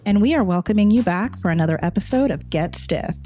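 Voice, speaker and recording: A woman's voice: medium pitch, animated, fast talker, warm tone, faint music behind. A woman co-hosting a podcast, earnest and effusive, often repeating her thanks. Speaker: podcast co-host. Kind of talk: casual chat.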